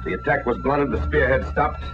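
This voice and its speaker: A man's voice: fairly high pitch, huge pitch swings, fairly quick. A man giving grave, declamatory scripted narration for an old 1940s newsreel. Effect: old newsreel recording. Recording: lo-fi 1940s newsreel soundtrack with loud music.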